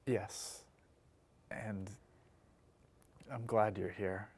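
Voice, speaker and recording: A man's voice: on the low side, little pitch movement, drawn-out words, a little mellow, husky, exaggerated voice. A man playing a worn-out young man who admits he can be cold, speaking in a subdued, weary way in a drama reading. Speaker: actor. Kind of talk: staged radio-style drama reading.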